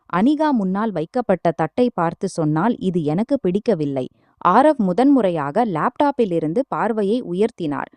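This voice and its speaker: Animated woman narrating a story. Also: mid-range voice, dry recording. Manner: reads every part in one steady voice. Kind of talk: scripted narration.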